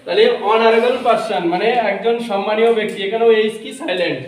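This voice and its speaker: A man's voice: high-pitched, fairly even intonation, fast talker. A man teaching an English grammar lesson in a classroom, asking students questions and repeating their answers. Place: coaching classroom. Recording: very echoey classroom.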